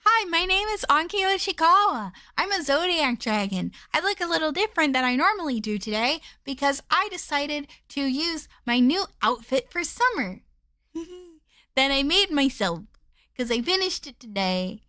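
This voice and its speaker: A woman with a very high, bright voice, chatting like a cute anime streamer on a livestream. She is bubbly and cutesy, gushing as she talks to her viewers. The sound is close and dry. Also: animated, normal speed, dry recording. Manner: bubbly, cutesy, effusive greetings.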